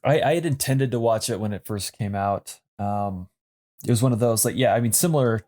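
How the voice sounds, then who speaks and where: A man in his thirties co-hosting a podcast, talking thoughtfully with many pauses and fillers. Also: lowish voice, darkish tone. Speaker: podcast co-host. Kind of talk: casual chat.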